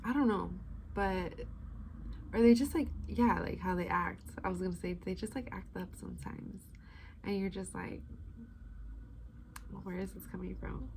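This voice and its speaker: A woman's voice: mid-range voice, normal speed, vocal fry, darkish tone. Rambling stoner-style woman, noisy background. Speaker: tarot-style spiritual advice reader. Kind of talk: casual chatty spiritual reading.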